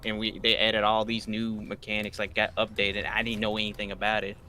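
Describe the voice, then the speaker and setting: A man with a lowish voice and a sharp, forceful edge, talking casually on a gaming stream. He airs his grievances in an aggrieved, complaining tone. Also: monotone, a little fast, slight background noise. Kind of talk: casual chat.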